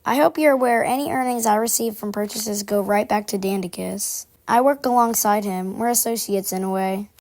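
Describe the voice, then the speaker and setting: A woman's voice: medium pitch, normal speed, few pauses, darkish tone, natural voice. A woman voicing a prim, busy, gossipy game character who confides in formal phrasing, aloof but chatty. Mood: gossipy, confiding. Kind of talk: scripted character monologue.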